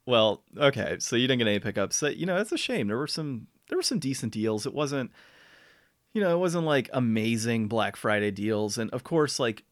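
A man hosting a casual podcast, chatting loosely with plenty of fillers and quick laughs. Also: medium pitch, lively intonation, no room sound, studio quality. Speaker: podcast host. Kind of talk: casual chat.

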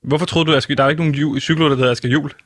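A man's voice: a little high, steady tone, fairly bright tone, no echo. A young man hosting a studio show in comic banter, short on sleep, teasing and exasperated. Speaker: host. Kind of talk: casual comedic banter. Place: radio studio.

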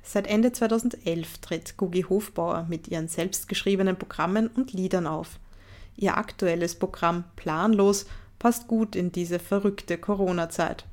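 Woman radio host, calm measured scripted read. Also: lowish voice.

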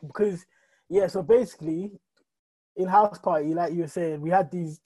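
A man's voice: high-pitched, normal speed, warm tone, rough recording. A man, a podcast guest chatting casually in slang and repeating phrases for emphasis. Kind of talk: casual chat.

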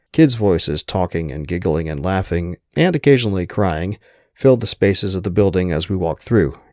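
A man's voice: low-pitched, a little mellow, no room sound. A man reading a first-person story aloud with a dry, wry storytelling manner on a close microphone. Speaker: narrator. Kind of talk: first-person audiobook narration.

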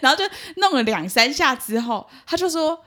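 A woman's voice: high-pitched, moderate pace. A woman co-hosting a podcast, telling a story in casual chat and acting out both sides of the conversation with laughter. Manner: animated, acts out both sides of dialogue with laughter. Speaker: podcast co-host.

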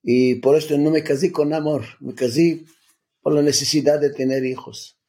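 Older man telling his story, halting. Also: a little high, fairly even intonation, warm tone. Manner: halting, restarts often, salty slang. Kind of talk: personal storytelling, casual.

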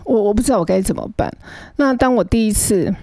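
A woman's voice: mid-range voice, lively intonation, fast talker, mellow, no room sound. A middle-aged woman, earnestly recounting her own past as a guest and often stammering as she restarts her sentences. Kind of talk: emotional personal storytelling.

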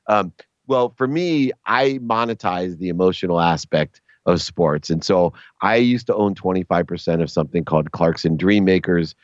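A middle-aged man, a sports agent guest, telling stories in a casual, animated way and jumping to a high pitch when he quotes people. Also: normal speed, no room sound. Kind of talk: casual storytelling. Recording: dry, dull lo-fi sound.

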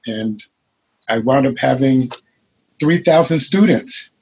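A man with a husky voice speaks on a panel, recalling his past in a reflective, storytelling way. His pitch sits in the middle range. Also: takes it slowly, rough recording. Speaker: martial arts master, panel guest. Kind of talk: panel discussion.

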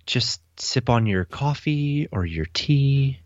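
A man's voice: mid-range voice, lively intonation, takes it slowly, no room sound, lo-fi sound. A man co-hosting a wedding podcast as a photographer, chatting in a playful way and laughing often. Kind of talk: casual chat.

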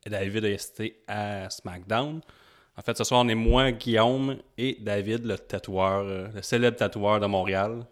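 A man's voice: fairly low pitch, steady tone, a little slow. A man with a Quebec French accent hosting a podcast in a casual chat over an internet call. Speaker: podcast host.

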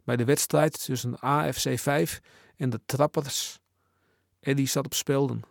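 A man narrating a storybook in a measured, expressive way. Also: medium pitch, vocal fry, no room sound, studio quality. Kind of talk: storybook reading.

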